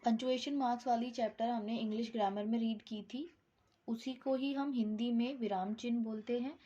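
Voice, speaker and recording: High-voiced woman teaching Hindi grammar. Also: steady tone, moderate pace, dark tone, muffled recording. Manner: explains step by step, often adds "ठीक"; mixes English words into Hindi. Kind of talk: classroom grammar lesson.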